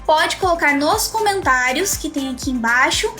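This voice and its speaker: A Brazilian woman with a very high voice teaches public speaking in a live stream, talking straight to her viewers. She explains her points in a clear, instructive way and sometimes puts on quick example voices. Soft music plays faintly behind her. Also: lively intonation. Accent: Brazilian Portuguese. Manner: didactic, direct address to viewers, acts out example voices. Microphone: phone.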